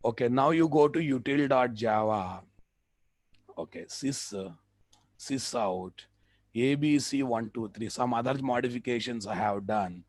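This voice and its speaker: A man with a Telugu Indian accent giving a live software tutorial as a trainer, repeating phrases for emphasis and checking that the class follows. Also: mid-range voice, a little slow, no room sound.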